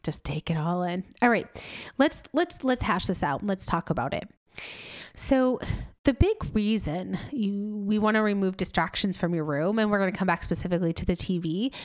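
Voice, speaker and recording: A middle-aged woman, a doctor who hosts a health podcast, gives a chatty health talk in a medium-pitched voice. She sounds congested and nasal, adding asides and laughing along the way, and the studio sound is clean with no room noise.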